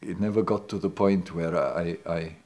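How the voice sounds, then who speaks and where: Low, steady and somewhat dark, this voice moves at a moderate pace. It belongs to a non-native English speaker in his sixties reminiscing hesitantly, with frequent restarts, during a seated living-room interview recorded off-camera.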